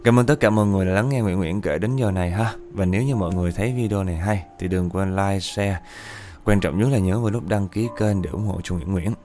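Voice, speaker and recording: A man's voice: low voice, fast. Chatty male storyteller. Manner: chatty, animated, addresses listeners. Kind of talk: casual ghost-story narration.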